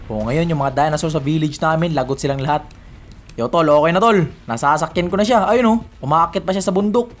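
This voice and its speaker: A man giving excited, shouty commentary over his own gameplay, calling out to viewers as he plays. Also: on the high side, a little hiss or hum. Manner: hyped, shouty, constantly addressing viewers. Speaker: gaming YouTuber. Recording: game music under voice. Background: background music.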